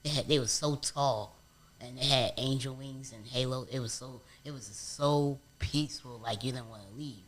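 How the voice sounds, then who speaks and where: Bright-voiced Philly man telling his story. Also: medium pitch, normal speed. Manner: animated storytelling, street slang. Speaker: guest. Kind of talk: casual couch interview.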